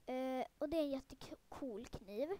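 A high, light female voice giving casual let's-play commentary over her own gameplay. She rambles with plenty of "eh" fillers and restarts. She turns excitable, almost panicky, when the game heats up. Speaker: gaming video creator.

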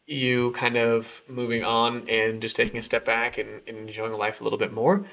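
Casting: male podcast co-host, upbeat and chatty, filler-heavy, mid-pitched, on a call. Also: flat delivery, normal speed, gravelly, a bit bright. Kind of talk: casual podcast chat. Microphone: remote call.

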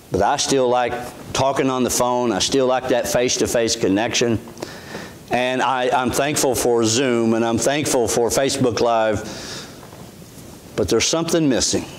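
A middle-aged pastor preaches in a church, picked up on a lapel mic. His voice sits at an ordinary male pitch, and his delivery is earnest and conversational, with restarts. A faint low rumble runs underneath. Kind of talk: sermon. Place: church sanctuary, indoors.

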